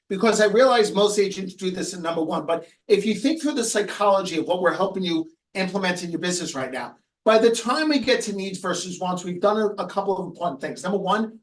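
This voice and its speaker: A man giving a real estate coaching webinar, telling a client story earnestly and going soft and quiet in the emotional parts. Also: sits high, echoey room, recorded from a distance. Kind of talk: webinar presentation.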